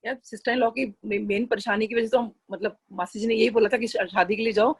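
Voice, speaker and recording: Husky-voiced woman sharing a devotional story. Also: on the high side, fairly even intonation, fast talker. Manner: chatty and earnest, mixing in English phrases, with frequent restarts. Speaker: satsang devotee sharing a personal experience. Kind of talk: casual spoken testimony.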